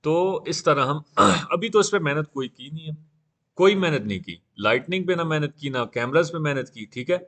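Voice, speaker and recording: A man teaching a live beginner class on 3D software, talking casually and often saying "okay" while he works. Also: on the high side, moderate pace. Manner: casual, repeats "theek hai" often. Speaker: 3D software instructor.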